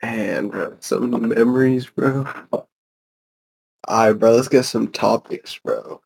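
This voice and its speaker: A man's voice: mid-range voice, fairly even intonation, takes it slowly, gravelly, a little mellow, breathy edge. A young man hosting a podcast, chatting casually and laid-back with heavy slang. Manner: laid-back slangy, says bro a lot. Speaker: podcast host. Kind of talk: casual chat.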